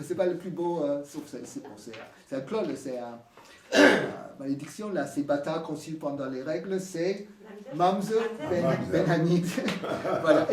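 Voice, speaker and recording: A man with an American accent giving a halting talk about his book, full of fillers and restarts. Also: a little high, a little mellow, slight background noise. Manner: hesitant, many fillers and restarts. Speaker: author presenting his book. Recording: echoey room from far off.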